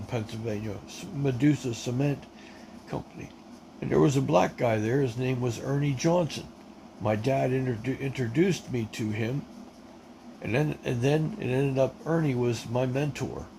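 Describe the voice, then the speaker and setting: A man's voice: mid-range voice, vocal fry, dark tone, slight background noise, low-quality recording. A man telling his life story in a casual, rambling way, full of restarts, blunt and emphatic. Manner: rambling, with many fillers and restarts. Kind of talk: casual spoken testimony.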